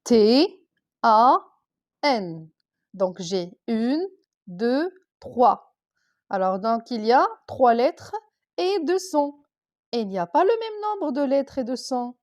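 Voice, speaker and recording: A woman teacher, slowly sounding out letters, sounds and syllables for young children in a reading lesson. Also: fairly high pitch, lively intonation, darkish tone. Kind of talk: primary school reading lesson.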